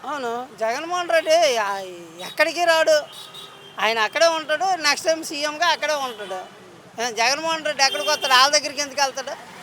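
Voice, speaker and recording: A man's voice: very high voice, a little fast, bright, forceful tone, a little hiss or hum. A man from the public, arguing heatedly in a street interview. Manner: angry, argumentative, quotes others mockingly.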